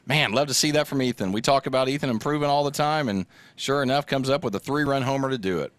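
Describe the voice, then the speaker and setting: Man calling local high school baseball. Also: quick pace, no room sound. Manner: relaxed, joking, gets loud and excited on the home run. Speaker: play-by-play announcer.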